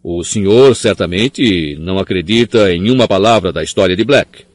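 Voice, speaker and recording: A man's voice: low voice, normal speed, no echo. A man reading an audiobook, voicing a cold male professor who sneers and snarls. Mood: contemptuous. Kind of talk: audiobook character voice.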